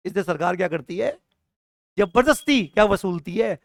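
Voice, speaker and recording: A man's voice: high voice, expressive, normal speed, vocal fry, no echo, studio quality. A man with a sore throat, lecturing a class on tax and firing rhetorical questions at the students in a joking, argumentative way. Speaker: tax teacher at a coaching class.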